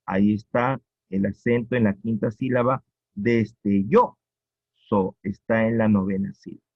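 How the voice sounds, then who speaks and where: A man with a Peruvian accent teaching a poetry lesson, explaining slowly and repeating each point with checking questions. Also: on the low side, slightly rough, no echo. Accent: Peruvian Spanish. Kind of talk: classroom lecture on poetry. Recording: dull lo-fi recording.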